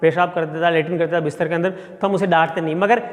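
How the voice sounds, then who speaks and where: A man's voice: a little high, steady tone, fast talker. A middle-aged male sociology professor giving a classroom lecture and explaining step by step with everyday examples. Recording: long reverb.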